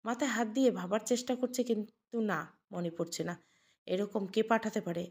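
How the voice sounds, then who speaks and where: Woman reading out a romance story, calm and steady, soft spoken. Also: on the high side, quick pace, husky. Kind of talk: scripted audio story narration.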